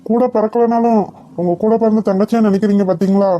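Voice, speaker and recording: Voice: mid-range voice, fairly even intonation, fast, mellow, dry recording, highs cut off, natural voice. A voice actor playing a modest, good-hearted husband in a cartoon who speaks reassuringly. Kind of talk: cartoon voice acting.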